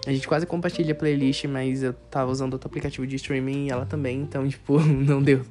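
A man's voice: mid-range voice, level tone, fast, dark tone. Chatty Brazilian young man, music behind. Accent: Brazilian Portuguese. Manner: chatty, filler-heavy retelling with lots of quoted dialogue. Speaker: storytelling vlogger. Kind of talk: casual storytime. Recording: music playing under the voice.

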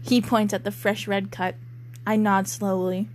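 A young woman co-hosting a podcast casually reads amateur fiction aloud as a joking dramatic reading, adding sarcastic, self-mocking, giggly commentary. Her mid-range voice barely moves in pitch and runs a little slow, with slight hiss or hum.

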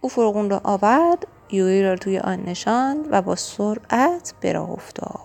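A woman reading a children's storybook aloud, expressive and engaging, speaking to the young listener. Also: medium pitch, vocal fry, faint music behind. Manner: warm, expressive and engaging, asks the listener questions.

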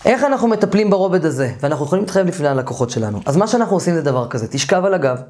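In an informal, animated lecture, a man with a slightly high voice teaches a therapy course. He often trails off and restarts his sentences, and at times raises his voice to act out sessions with clients.

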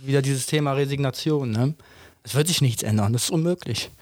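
A man in his thirties co-hosts a podcast, talking bluntly and emphatically in casual chat, firing off rhetorical questions and ending points with "ne?". His voice is medium-pitched and darkish, a little fast, in a dry studio-quality recording.

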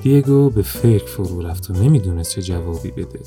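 A man narrating a children's story in a calm, even storytelling manner. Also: low-pitched, soft background music.

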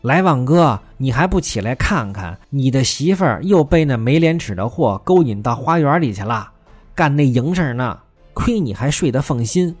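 A man's voice: medium pitch, animated, normal speed, husky, soft background music. A man voicing a hidden informer outside a window in a storytelling performance, urging with goading words. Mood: urgent. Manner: urgent, goading. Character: secret voice at the window, urgent informer.

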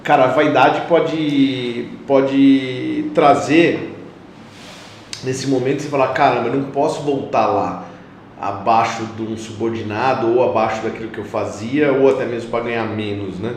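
A man's voice: medium pitch, fairly even intonation, normal speed. A man hosting a casual interview, prompting with short questions and slangy interjections. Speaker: interview host. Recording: roomy echo, faint noise.

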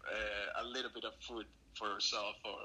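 A young adult man from Venezuela, a podcast guest talking in a relaxed way with restarts. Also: lowish voice, moderate pace, a little hiss or hum, poor audio. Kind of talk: casual interview talk.

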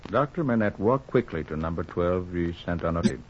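An actor playing a gentleman narrator who tells the tale in measured 1940s radio drama narration. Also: low voice, expressive, a little hiss or hum. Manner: measured storytelling. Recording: muffled 1940s radio with crowd murmur behind.

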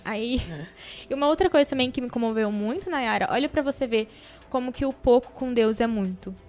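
Young adult woman, podcast guest; lively, heartfelt storyteller, slightly high pitch. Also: normal speed, soft background music. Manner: animated, emotional storyteller who acts out quoted voices.

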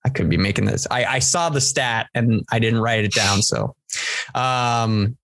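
A man's voice: mid-range voice, unhurried, gravelly, fairly bright tone, no room sound. A man from San Diego, a podcast co-host, telling a long story in casual chat with lots of restarts. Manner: rambling storyteller, many restarts.

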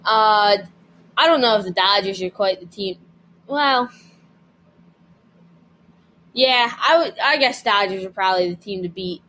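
A man's voice: high-pitched, measured pace, pauses often, poor audio. A man co-hosting a podcast, chatting casually and matter-of-factly about sports. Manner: calm, matter-of-fact, quotes stats. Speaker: podcast co-host.

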